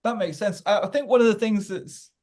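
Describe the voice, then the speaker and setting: A man's voice: sits high, fairly quick, darkish tone. A man co-hosting a casual interview over a video call, asking questions in a friendly way with light laughs. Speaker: co-host.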